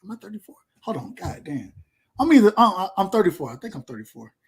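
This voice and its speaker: Man, 30s, fairly high voice, loose rambling podcast host talk. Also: big pitch swings, fast talker, breathy edge. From Georgia, USA. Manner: laid-back, boastful, rambling with repeats. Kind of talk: casual chat.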